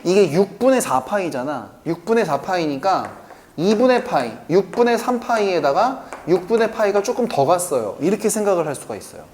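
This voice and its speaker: A man teaching a math lesson, who keeps asking the class quick questions and then answers them himself. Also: high voice, big pitch swings, darkish tone, a little hiss or hum. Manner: keeps checking in with quick rhetorical questions to students; answers his own questions aloud.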